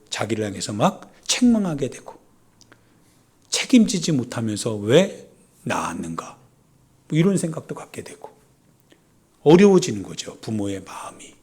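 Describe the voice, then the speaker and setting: Husky middle-aged male pastor preaching. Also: medium pitch. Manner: animated storytelling, acting out complaints. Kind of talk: sermon.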